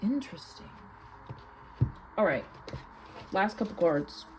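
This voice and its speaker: A young woman gives a mystical tarot reading in a loose, conversational way. Her mid-pitched voice rambles informally through card meanings, peppered with "like". Noticeable noise sits behind her. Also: unhurried. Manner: chatty, informal mystical card interpreter with heavy use of "like". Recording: clear background noise.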